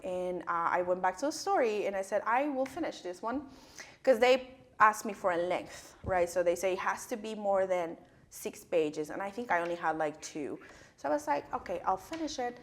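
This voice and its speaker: A woman's voice: medium pitch, animated, moderate pace. Woman from honduras, chatting about her writing, lots of uhs and restarts. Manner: hesitant, many fillers and restarts. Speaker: author and professor, interview guest. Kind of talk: interview answers.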